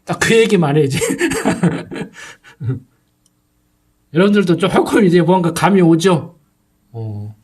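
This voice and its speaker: A man's voice: on the high side, sing-song, moderate pace, darkish tone, husky. A middle-aged male pastor preaching a sermon in a folksy, conversational way, often checking in with his listeners.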